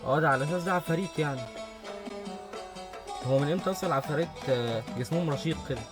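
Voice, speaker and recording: A young man with an Egyptian Arabic accent, giving rapid, excitable let's-play commentary on a horror game with nervous exclamations. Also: fairly high pitch, over music. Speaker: gaming YouTuber.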